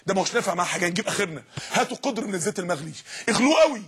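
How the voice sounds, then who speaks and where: A man voicing a cold, scheming Byzantine king who gives cruel orders in a low voice. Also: lively intonation, very fast, a bit bright, slightly rough, heavily acted. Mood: menacing.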